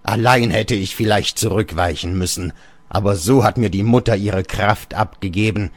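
A man's voice: on the low side, normal speed, dry recording. A man reading an audiobook, voicing an old bedridden father who rants scornfully at his son and keeps raising his voice. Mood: gloating. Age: older. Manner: ranting, raising his voice in bursts.

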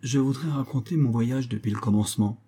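A man's voice: medium pitch, brisk, dark tone, husky. A man reading aloud and voicing a timid young man who speaks in a hesitant, apologetic way.

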